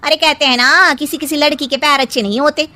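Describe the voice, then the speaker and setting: A woman doing a shrill spiteful gossip auntie. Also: steady tone, quick pace, pushed and bright. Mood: shocked gossip.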